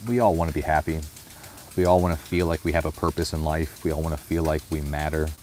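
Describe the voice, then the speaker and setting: In a personal vlog, an American man with a very low, deep voice reflects aloud, thoughtful and unhurried, frequently pausing to add "you know." His intonation is fairly even, and soft music plays faintly in the background.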